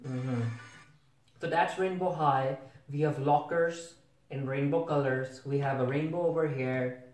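Sitting at a desk in a small home room, a young reviewer offers puzzled, questioning reactions to a cartoon and keeps repeating his own words. His rather high voice stays steady, a little slow and slightly mellow, picked up by a camera a few feet off in the echoey space.

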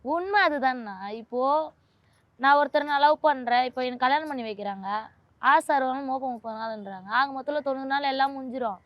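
A woman's voice: high-pitched, fast, dry recording, muffled recording. A woman, a mother of two, speaks in an emotional interview in a pleading, aggrieved and insistent way.

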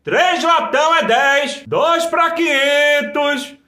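A man from Brazil, doing comic impressions of street vendors in a market hawker's shouted, sing-song sales cries. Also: very high-pitched, takes it slowly. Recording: roomy echo.

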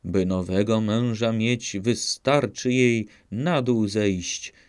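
A man voicing a smooth-talking male wolf suitor who flatters in slow, coaxing rhymes in a storybook reading. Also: fairly low pitch.

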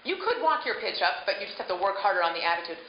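A middle-aged woman teaches a voice acting workshop. She speaks emphatically at a medium pitch. Her voice comes through a roomy, slightly muffled recording. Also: very animated, racing. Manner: emphatic, demonstrating script lines. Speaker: voice acting coach. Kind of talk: instructional workshop talk. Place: hotel conference room stage. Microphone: handheld microphone. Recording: echoey, dull hotel room recording with hiss.

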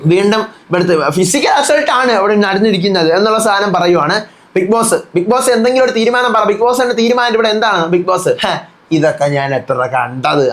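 A commentator giving a casual recap of a reality show and acting out the quarrels as they retell them. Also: medium pitch. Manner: animated, acts out quarrels while retelling.

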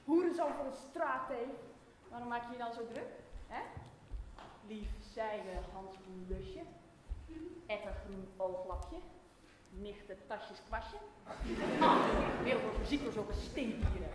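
A woman's voice: medium pitch, slow, close to an everyday voice. A teenage girl in a school play voicing a cynical, foul-mouthed male Greek jester who spits mocking insults and curses. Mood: insulting. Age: late teens. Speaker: student actor. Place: school auditorium stage. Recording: echoey hall from far off, noisy.

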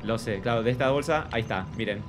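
A man with an Argentine accent streaming a video game, talking to his chat in an excitable, shouting way and speaking of himself in the feminine. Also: medium pitch, fast. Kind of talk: live gameplay commentary. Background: loud game music.

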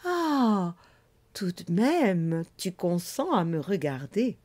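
A woman voicing a gentle fairy who grows flustered and stammers in a storybook reading. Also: on the low side, sing-song, slow, heavily acted. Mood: coaxing. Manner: hesitant, stammering.

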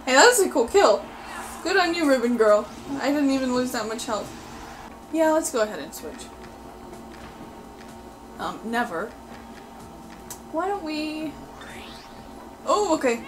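A woman reacting live to her gameplay, excitably pleading and yelling at the screen, with faint game music behind her. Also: sits high, a little slow, pauses often. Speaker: gameplay video host. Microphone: desk mic.

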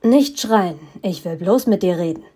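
A woman voicing a menacing young man who controls minds, speaking calm, condescending threats in an audiobook. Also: lowish voice, a little slow, slightly rough. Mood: coolly threatening.

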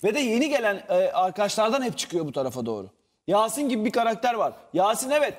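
A man on a TV panel show, firmly disagreeing in a measured way. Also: sits high, very animated, in a large hall. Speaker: TV panel commentator. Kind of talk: panel debate.

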